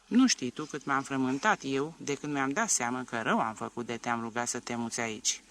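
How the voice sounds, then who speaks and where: A man's voice: medium pitch, fairly bright tone, natural voice. A man voicing a stubborn peasant man and former soldier, talking bluntly and insistently in an audiobook.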